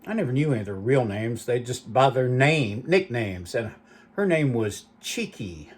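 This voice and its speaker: A man's voice: medium pitch, animated, moderate pace, slightly rough. A man hosting his own channel, telling rambling, nostalgic stories with lots of asides. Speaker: channel host. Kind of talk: rambling reminiscing monologue.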